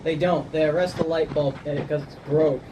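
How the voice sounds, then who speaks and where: A woman's voice: fairly even intonation, normal speed. A woman casually reading jokes as host of a laughing challenge, blunt and sweary. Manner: profane, blunt. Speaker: joke reader hosting a laughing challenge. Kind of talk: casual joke telling. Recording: noisy, distant microphone, rumbling background.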